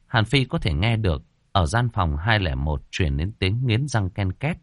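A man narrating a horror fantasy novel as an audiobook with expressive, suspenseful storytelling. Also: low voice, no room sound, clean studio sound.

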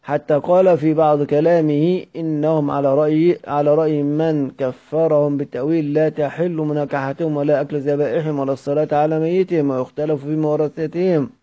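Guy reading out a classical text in class, monotone, keeps fixing words, muffled old recording. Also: on the high side. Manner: measured reading, repeats and corrects words. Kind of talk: lesson reading aloud from a book. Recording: dull lo-fi recording.

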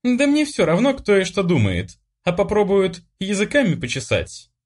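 An excitable, bossy teenage sister, voiced by a male audiobook reader leaps high and breathy in a storybook reading. She teases and coaxes with lively swings in pitch. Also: moderate pace, exaggerated voice. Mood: teasing. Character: teasing, bold teenage sister, playful and bossy. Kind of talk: audiobook character voice.

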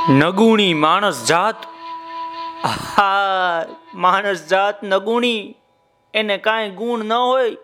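A man telling a folk tale to children, speaking directly to the young listeners in drawn-out sing-song phrases. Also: a little high, bright, forceful tone. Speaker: children's storyteller. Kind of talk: children's story narration.

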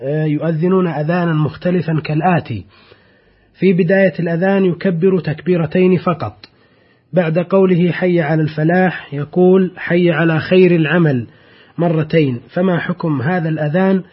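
A man hosting a radio program in formal, measured Standard Arabic, presenting and reading out listeners' letters. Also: on the high side, fairly even intonation, husky. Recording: dull, lo-fi radio recording.

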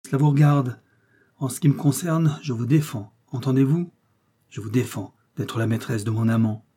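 A man's voice: medium pitch, moderate pace, mellow, slightly rough, close to an everyday voice. A man voicing a jealous, furious young woman who hisses her threats in an audiobook. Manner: hissing, spiteful, menacing. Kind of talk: audiobook character reading.

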